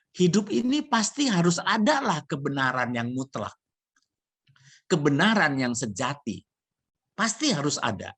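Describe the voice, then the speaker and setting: Priest guy preaching slow and explaining, keeps saying "ya", husky voice. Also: on the high side, fairly bright tone. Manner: punctuates sentences with a short affirming "ya". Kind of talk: sermon reflection on scripture.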